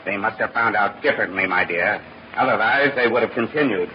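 A man's voice: on the low side, fairly quick, close to an everyday voice. An actor playing a cold, imperious middle-aged criminal boss and father, speaking in a pompous, condescending theatrical manner in a 1940s radio serial. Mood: smug, condescending. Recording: noisy muffled old radio recording.

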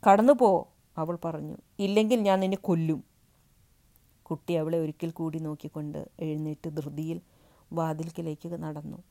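A woman narrates a short story in a low, mellow voice. Her reading is even and unhurried, the steady pace of literary storytelling.

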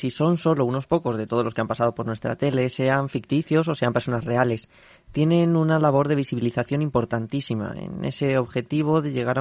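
A man's voice: mid-range voice, vocal fry, darkish tone, dry recording. A man co-hosting a podcast about TV, reading earnest, explanatory scripted narration. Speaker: co-host.

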